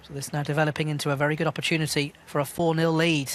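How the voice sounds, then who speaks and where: Hushed, higher-pitched male snooker commentator. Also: flat delivery. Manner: measured, understated.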